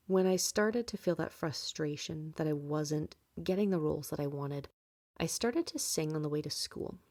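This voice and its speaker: Her voice is deep, creaky and darkish. She's a woman in her late twenties recording a podcast at home, musing frankly about her life with lots of filler words and little laughs.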